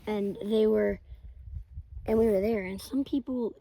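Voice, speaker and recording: A young woman fishing from a kayak outdoors, chatting excitably to a mounted camera, swearing casually and often dropping to a murmur. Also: medium pitch, measured pace, creaky, poor audio. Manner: chatty and excitable, swears and says bro a lot. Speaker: fishing vlogger. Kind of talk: casual running commentary while fishing.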